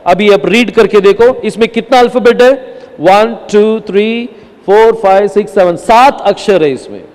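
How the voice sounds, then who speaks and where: A man's voice: high voice, unhurried, darkish tone. A man teaching a Bible language class from a chart, asking the class questions and answering them himself, with English words mixed in. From India. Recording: hall with long reverb.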